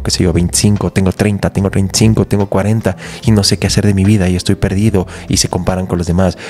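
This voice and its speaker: A man's voice: sits low, darkish tone. A man hosting a solo motivational podcast, talking earnestly and emphatically, sometimes repeating words while he looks for the phrase. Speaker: podcast host.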